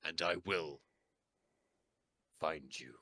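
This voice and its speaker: A man voicing an unearthly, all-seeing villain in a tabletop game, slow, ominous and mocking. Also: a bass voice, bright, forceful tone, dry recording, full character voice. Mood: mocking menace.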